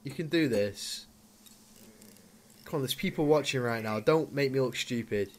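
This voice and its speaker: A young man casually commentating a life-sim game, chatting to his character and breaking into loud exclamations. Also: mid-range voice, normal speed, slight background noise. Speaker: gaming YouTuber. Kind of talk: casual Let's Play commentary.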